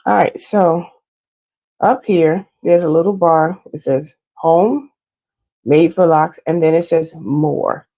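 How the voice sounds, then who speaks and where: A woman with a hoarse, gravelly voice chats her way through a casual screen-share walkthrough. Her tone is mellow and husky and sits fairly low. She explains things at length and leans on fillers as she goes. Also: takes it slowly. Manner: chatty and explanatory, with frequent fillers. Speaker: loctician walking clients through her website.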